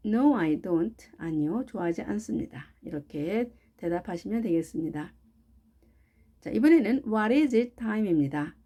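Korean lady teaching english words, really slow, soft mellow voice, says each word twice. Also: medium pitch, lively intonation. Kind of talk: vocabulary lesson.

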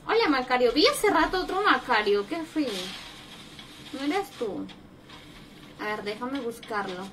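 High-voiced young woman gaming streamer. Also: big pitch swings, measured pace, pauses often, rough recording. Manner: chatty, greets viewers, bursts into loud exclamations. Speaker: livestreamer. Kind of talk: casual gaming livestream chat. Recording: loud background noise.

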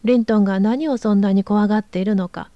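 A woman narrator reading a translated novel aloud in a calm, even storytelling manner. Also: medium pitch, quick pace, no echo, dull audio.

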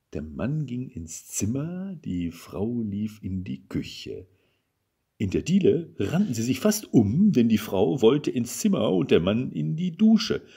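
Gravelly, husky male storyteller. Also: on the low side. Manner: expressive, animated reading voice. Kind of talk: reading aloud a Christmas story.

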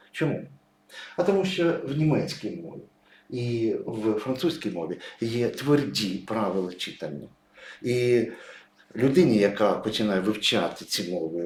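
A male teacher explains English spelling and sound step by step, his pitch rising and falling a lot as he leans on each example word. The room is echoey, with a faint hiss behind him. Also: a little mellow. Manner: patient, explanatory, stresses example words. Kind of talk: explaining pronunciation at a whiteboard.

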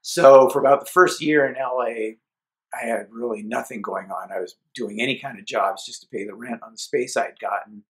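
Recounting how he started out as an amp builder, this Seattle man in middle age tells his story casually in an interview and voices the quotes himself, his and others'. He has a mid-range voice and a moderate pace, captured in a rough recording.

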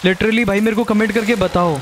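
Young man, high-pitched, horror game commentary, swears, jumpy, faint noise. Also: steady tone, fairly quick. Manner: jumpy, swears, mixes Hindi and English. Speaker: gaming streamer.

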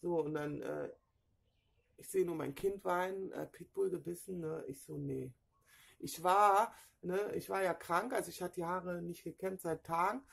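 A middle-aged woman, telling a story casually to her camera at home in an excitable, chatty way, acting out what people said. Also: lowish voice, moderate pace, vocal fry, breathy edge. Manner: chatty, excitable, acts out dialogue. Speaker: vlogger. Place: at home indoors. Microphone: camera in front.

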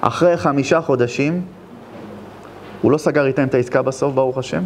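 A man, a rabbi, giving a sermon full of storytelling, shifting between hushed narration and loud exclamations. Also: mid-range voice, slight background noise. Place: lecture at an event.

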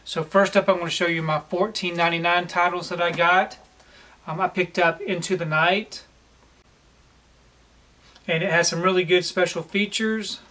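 A man in his forties talks in a relaxed, plain way, filling the gaps with um. His voice sits fairly high for a man. He sits at home in a room lined with shelves and speaks toward the camera. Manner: relaxed and plain, with frequent "um" pauses. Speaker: collector vlogger. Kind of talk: casual haul video.

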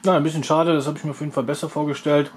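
A man's voice: on the high side, little pitch movement, very fast, slightly rough. A man hosting a food review video, talking casually as he narrates a taste test.

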